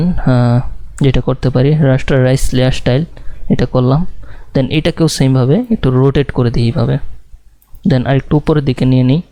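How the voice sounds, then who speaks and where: A man teaching a live design tutorial, talking slowly and thinking aloud with many fillers and English words mixed in. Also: mid-range voice, dark tone, clear, resonant tone.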